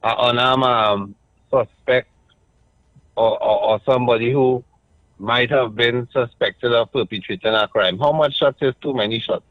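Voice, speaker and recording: A radio caller with a Trinidadian accent phones in to a talk show, making his argument in a measured, point-by-point way and often adding "right?". His medium-pitched voice comes over a muffled, dry call-in line with no echo.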